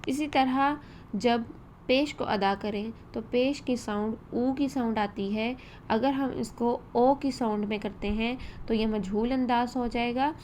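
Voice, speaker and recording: Female tajweed teacher, slightly high voice, patient and precise demonstration. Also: steady tone, a little mellow, a little hiss or hum. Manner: slow, careful demonstration of vowel sounds. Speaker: Quran recitation teacher. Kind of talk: tajweed lesson.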